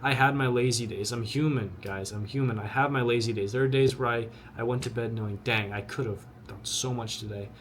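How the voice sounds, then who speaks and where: A twenty-year-old vlogger gives a motivational talk to camera with blunt, earnest conviction, often repeating words to drive his point home. His middle-pitched voice has fairly even intonation and a brisk pace with hardly any pauses. A faint hum of ambience sits behind him.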